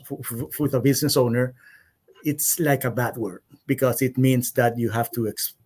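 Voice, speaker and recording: In a laid-back podcast interview, a hesitant man from Costa Rica who works in insurance talks at a middle pitch. His tone is even and a touch mellow, and his speech keeps breaking off into fillers and fresh starts.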